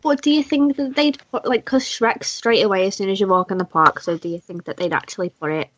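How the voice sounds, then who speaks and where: A woman co-hosting a podcast, chatting in a relaxed and candid way. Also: mid-range voice, a little fast, no echo. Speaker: podcast co-host. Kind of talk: casual chat. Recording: dull lo-fi podcast mic.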